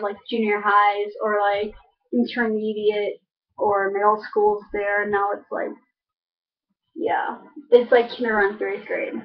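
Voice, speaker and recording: A slightly muffled, lo-fi recording of a young woman with a Chicago accent. Her voice sits on the higher side. She talks informally and opinionatedly, rambling along in casual conversational style. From Chicago suburbs, United States. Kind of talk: casual chat to camera. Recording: dull lo-fi microphone.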